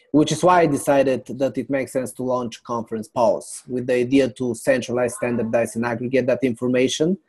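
A middle-aged man from Bulgaria, a company founder explaining his business as a podcast guest in a measured way. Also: medium pitch, mellow. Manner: measured, explanatory, lists items. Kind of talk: business interview.

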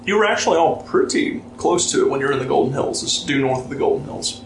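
A man narrating as game master of a tabletop game, relaxed and storytelling, reading lore aloud with fillers. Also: medium pitch, quick pace, slight background noise. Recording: roomy sound with music behind.

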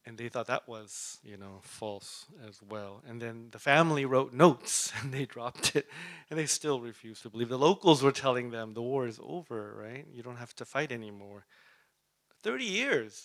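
A man's voice: mid-range voice, expressive, moderate pace, fairly bright tone, dry recording. Guy giving a chatty sermon, lots of "right?" and "uh", dry close mic. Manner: conversational, often asks "right?", uses fillers. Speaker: preacher teaching a Bible study.

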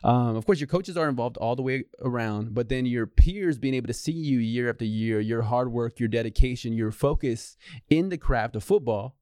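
A man's voice: medium pitch, normal speed, mellow, no room sound. A man hosting an interview podcast in a studio, upbeat and encouraging toward his guest. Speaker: podcast host.

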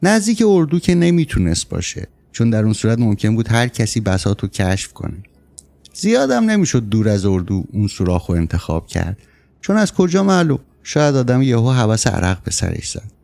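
A man narrating a war novel as an audiobook, steady storytelling that rises on dramatic lines. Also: medium pitch, gravelly, no room sound. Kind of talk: scripted narration.

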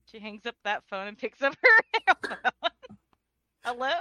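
A woman, a player, narrating her character in a tabletop game with an animated, laughing manner. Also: fairly high pitch, unhurried, no echo.

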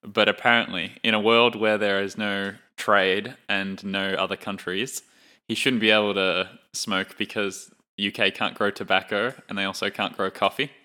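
A young man co-hosting a film podcast, talking in a relaxed, chatty way and laughing now and then. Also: on the low side, moderate pace. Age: young adult. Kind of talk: casual chat.

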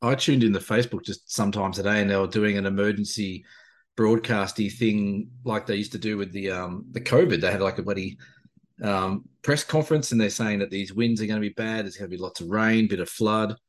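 A man with an Australian accent chats casually in a fairly low voice. His delivery is a dry, laconic drawl, relaxed in wording, like a co-host talking with a mate. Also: a little fast. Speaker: co-host, landscape photographer. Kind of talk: casual chat on a video show.

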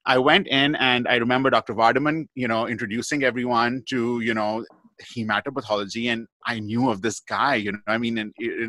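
Man, podcast guest, storytelling, keeps saying "like" and "okay?", forceful tone, dry sound. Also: on the low side, no room sound. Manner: chatty, full of "like", "you know" and "okay?". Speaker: guest pathologist.

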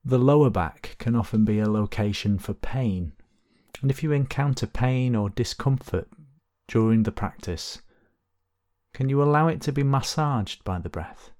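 A man at medium pitch leads a body scan meditation in an expressive way, giving gentle, unhurried instructions broken up by long pauses.

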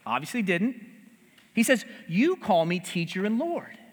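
Animated, high-voiced preacher in a reverberant hall. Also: male voice, unhurried, breathy edge. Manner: conversational, humorous, animated storytelling. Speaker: pastor. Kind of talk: sermon.

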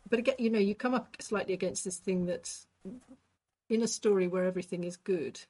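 A woman's voice: mid-range voice, fairly quick, dark tone. A middle-aged or older woman chatting casually and reflectively, often qualifying her thoughts as she goes. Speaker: writer in conversation. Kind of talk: casual chat.

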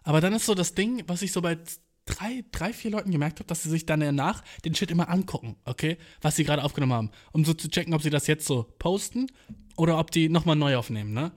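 A man's voice: on the high side, fast. A man in his twenties talking in a casual, rambling storytelling monologue, full of slang, swearing and filler words. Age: 20s. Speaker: podcast host.

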